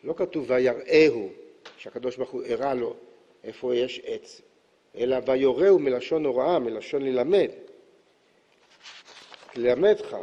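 Husky man teaching scripture. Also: medium pitch, dark tone. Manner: explanatory, quoting verses and unpacking them. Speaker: religious teacher. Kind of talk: expounding scripture and midrash. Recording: echoey hall, dull lo-fi sound.

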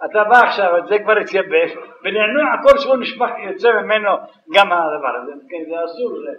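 A man teaching religious law as a rabbi, telling stories in an animated way and acting out voices. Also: sits high. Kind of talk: Torah lecture on kosher law. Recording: distant, roomy, dull sound.

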